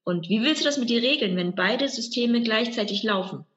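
A woman's voice: on the high side, lively intonation, brisk, fairly bright tone, highs cut off. A German woman, an actress, reflecting in an interview, thinking aloud in a rambling way with many restarts. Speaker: actress and guest. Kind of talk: conversational interview.

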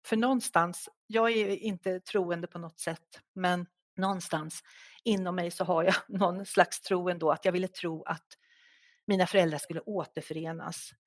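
A middle-aged woman, a guest author in an interview, telling a personal story in a soft, halting, reflective way. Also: lowish voice, fairly even intonation, no room sound, clean studio sound.

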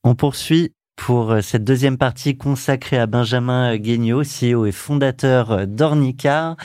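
A man hosting a podcast, asking questions in a halting way with many fillers. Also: medium pitch, a little mellow, dry recording. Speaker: podcast host. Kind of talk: casual interview questions.

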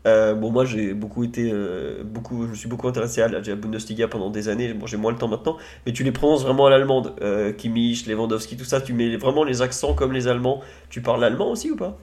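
A man's voice: medium pitch, fast talker, few pauses. Male stream host, casual and chatty, loose delivery. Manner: relaxed, many fillers and restarts. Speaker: host of a football live stream. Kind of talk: casual live stream chat.

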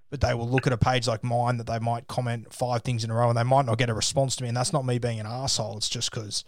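Casual Australian bloke, matey mentor type, loose and sweary, recorded dry. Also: male voice, medium pitch, no echo. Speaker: social media sports page creator giving advice. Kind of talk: casual phone chat.

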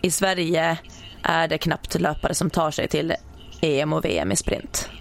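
A young woman, a sprinter, chatting casually and telling stories in an animated way, acting out her own reactions. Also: sits low, gravelly. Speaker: podcast guest, sprinter. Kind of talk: casual chat.

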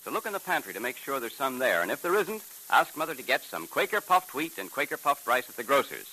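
An American man working as an old-time radio announcer, dramatically and emphatically pitching a sponsor to young listeners. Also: sing-song, fast talker, sharp tone, low-quality recording. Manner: dramatic, emphatic salesmanship addressed to children. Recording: hissy vintage radio broadcast.

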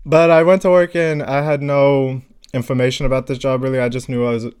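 A man's voice: mid-range voice, little pitch movement, fairly quick, darkish tone, smooth. A young man co-hosting a podcast in casual, slangy chat, candid and joking. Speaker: podcast co-host.

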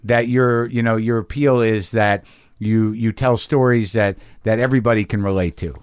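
A man hosting a casual interview, asking questions haltingly as he thinks aloud. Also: lowish voice, steady tone, smooth, no room sound, clean studio sound. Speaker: interviewer, podcast host.

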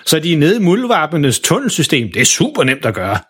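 A man playing a bumbling, stubborn dad, husky, higher and lively, storybook. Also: exaggerated voice. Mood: proud. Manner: eager, loud outbursts, determined. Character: stubborn excitable middle-aged father, bumbling.

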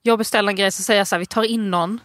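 A woman's voice: medium pitch, no room sound, clean studio sound. A young adult woman, a podcast co-host, telling comic stories in casual chat and acting out the people in them. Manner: animated storyteller acting out quotes.

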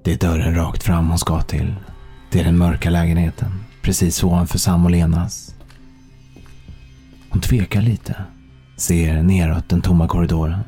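A man narrating a thriller audiobook in a calm, measured storytelling manner. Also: deep voice, breathy edge, faint music behind.

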